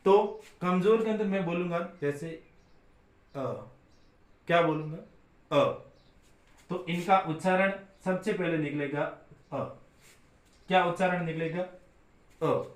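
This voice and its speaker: A man's voice: high voice, brisk, few pauses, echoey room. A man from India teaching a grammar lesson, asking his own questions and answering them.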